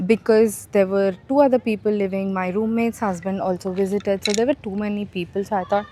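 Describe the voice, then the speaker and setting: A young woman with an Indian accent, chatting casually in a vlog, telling stories in an animated, self-mocking way. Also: mid-range voice. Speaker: vlogger.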